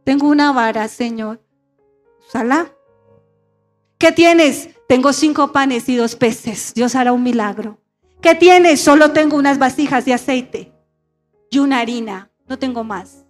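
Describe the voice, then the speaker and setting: High-voiced woman pastor preaching. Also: unhurried, long pauses, soft background music. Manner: call-and-response preaching, asking the congregation to repeat. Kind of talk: sermon. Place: church sanctuary.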